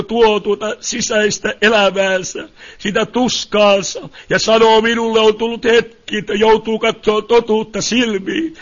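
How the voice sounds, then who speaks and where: A fervent male preacher with a high voice that climbs into pleading cries. He keeps asking the crowd "you know?" as he speaks. The recording is dull and lo-fi. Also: fairly bright tone. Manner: fervent, rising to pleading cries, many asides to the listeners. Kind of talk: sermon. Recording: dull lo-fi sound.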